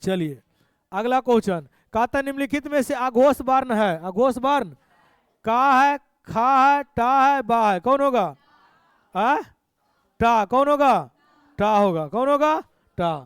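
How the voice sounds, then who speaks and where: High-voiced teacher. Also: male voice, expressive, slow pace, a bit bright, smooth, dry recording, studio quality. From Bihar, India. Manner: quizzing, repeats questions and answers, coaxing students. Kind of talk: exam-prep lesson.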